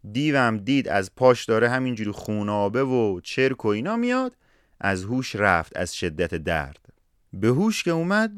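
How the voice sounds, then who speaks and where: A man's voice: lowish voice, smooth, dry recording, clean studio sound. A man narrating a folk tale in a casual, colloquial podcast style, with asides to the listener. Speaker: storyteller and podcast host. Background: faint music.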